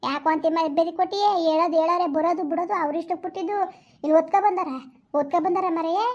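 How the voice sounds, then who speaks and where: A woman in a village comedy sketch who scolds and consoles in rapid bursts. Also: very high voice, steady tone, darkish tone. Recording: dull lo-fi sound.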